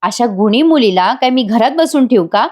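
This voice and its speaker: A woman's voice: fairly high pitch, expressive, normal speed, a little mellow, lightly acted. A woman voicing a kind, reassuring middle-aged mother-in-law, read as part of a voice-over review. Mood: affectionate. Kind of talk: voice-over review re-enacting serial dialogue.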